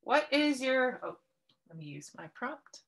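Teaching paper crafts over a video call, a Canadian art instructor explains each step kindly and patiently. Her high-sitting voice has a sing-song quality, and she keeps a measured pace.

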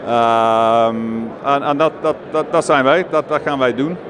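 A man in his forties from London, a native English speaker with an English accent, speaking haltingly in an interview on a handheld microphone. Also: mid-range voice, crowd noise. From London, England. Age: 40s. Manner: halting, searching for words in second language. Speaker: company director being interviewed. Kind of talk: on-camera trade fair interview. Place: busy indoor trade fair stand. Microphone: handheld interview microphone close below chin. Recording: clear bustle of busy exhibition hall behind.

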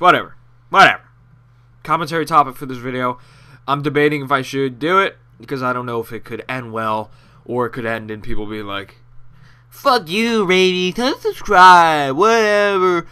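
A man's voice: mid-range voice, fairly even intonation, fairly quick, sharp tone, clean tone. A young man giving rambling, profane, sarcastic commentary over his gameplay, with a nasal voice. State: out of breath. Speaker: gaming commentator.

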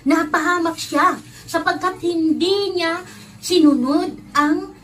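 A woman teaching Sunday school, telling a story to children in an animated way, often speaking to them directly and acting out the characters' lines. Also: very high voice, takes it slowly.

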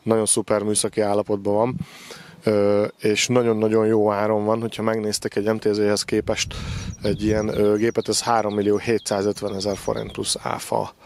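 In a slightly noisy outdoor gravel yard, a man in his forties speaks into a handheld mic with a windscreen, his low, slightly mellow voice completely flat. He's a farm machinery dealer showing off stock in an unscripted sales walkthrough, his phrasing hesitant and repetitive.

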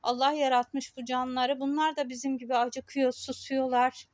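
A woman's voice: high-pitched, little pitch movement, normal speed, darkish tone, no echo. A woman vlogging outdoors in casual talk, speaking indignantly in short, emphatic, repeated phrases. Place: outdoors on a street.

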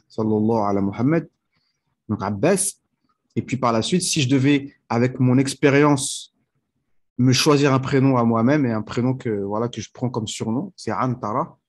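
A man with a husky, slightly breathy voice teaches a religious lesson. He speaks at a middle pitch and explains things patiently through everyday examples. He reads Arabic phrases slowly before translating them. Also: darkish tone.

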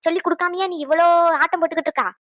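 A woman's voice: extremely high pitch, steady tone, rapid-fire, a bit bright, no room sound. A woman voicing an older mother-in-law in a cartoon family drama, wailing and accusing.

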